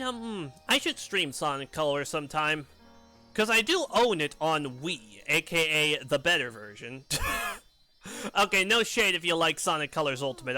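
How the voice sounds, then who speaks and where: A male streamer giving casual gameplay commentary, rambling and laughing as he goes. His voice sits high and jumps around with lots of swing, with a bright, forceful tone. Soft game music plays underneath.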